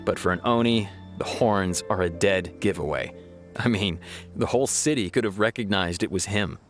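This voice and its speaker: A man's voice: low voice, faint music behind, natural voice. A man voicing a formal, firm city official in a video game. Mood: stern. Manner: formal, measured.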